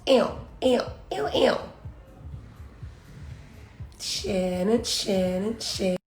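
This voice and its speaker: A woman hosts a casual live chat, playful and exuberant, with sing-song greetings, mentioning she lost her voice that morning. Her medium-pitched voice is very animated yet very slow. The room is echoey, with faint music.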